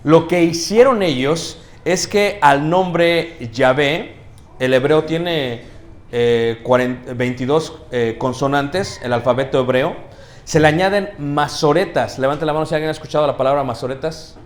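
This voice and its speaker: A man preaching a teaching sermon in a church. He asks the congregation questions, adds "ok?" often, and stresses key words slowly. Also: fairly high pitch. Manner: checks in with the congregation, asking questions and saying "¿ok?".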